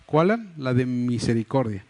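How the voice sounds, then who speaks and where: A man's voice: medium pitch, big pitch swings, normal speed. A man preaching a sermon as pastor, with a Mexico City Spanish accent, explaining earnestly with many fillers and restarts. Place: church hall. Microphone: livestream microphone.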